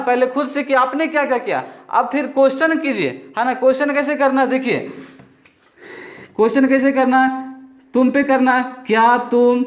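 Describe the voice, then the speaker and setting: A man with an Indian accent and a very high voice teaches English grammar, a Hindi speaker walking through each rule. He breaks the lesson into small steps and keeps checking that the listener follows. The recording is dull and lo-fi, with a roomy echo. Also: fairly bright tone. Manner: explains step by step with frequent "है ना" checks. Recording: echoey, dull lo-fi room recording.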